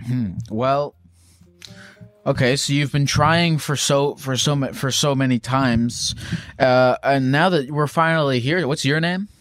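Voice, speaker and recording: A man's voice: mid-range voice, a little slow, fairly bright tone, dry recording, studio quality, faint music behind. A man hosting a podcast, talking to callers in a blunt, informal way. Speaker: podcast host. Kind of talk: casual call-in chat.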